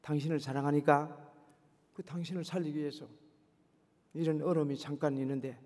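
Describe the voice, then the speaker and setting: A man's voice: a little high, fairly even intonation, brisk, a little mellow. A man preaching a sermon, earnestly exhorting his congregation and firing rhetorical questions at them. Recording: long reverberant hall.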